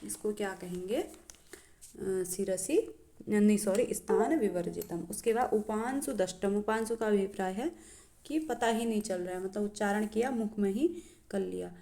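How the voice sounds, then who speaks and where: A woman gives a lesson at an unhurried, measured pace. Her voice is soft and mellow, and she recites each verse slowly before explaining it with pauses and hesitant fillers. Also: mid-range voice. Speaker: Sanskrit teacher.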